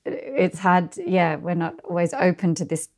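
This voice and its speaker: A woman co-hosting a spiritual conversation, gentle and affirming as she responds. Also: fairly low pitch, animated, unhurried. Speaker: podcast co-host.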